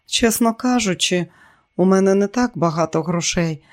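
Guy doing a young working girl in a storybook, pitched up, earnest and straightforward. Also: moderate pace, lightly acted. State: sleepy. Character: young woman factory worker, independent, injured.

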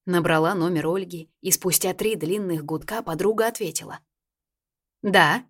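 Low-voiced woman narrating an audiobook. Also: fairly even intonation, brisk. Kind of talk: first-person audiobook narration.

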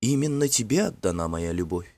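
A man voicing a gentle, frightened young fairy woman who speaks softly and imploringly in a storybook reading. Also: fairly low pitch, expressive, fairly quick. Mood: tender. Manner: soft, tremulous and imploring.

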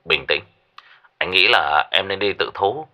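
A man voicing a calm, cold young man giving orders in a spoken horror story. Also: low-pitched, measured pace, full character voice.

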